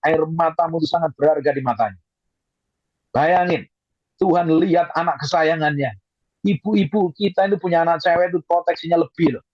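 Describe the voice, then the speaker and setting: Male pastor, fervent sermon delivery, slightly higher voice, dull video-call sound. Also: dry recording. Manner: fervent preaching, reading scripture aloud then exhorting.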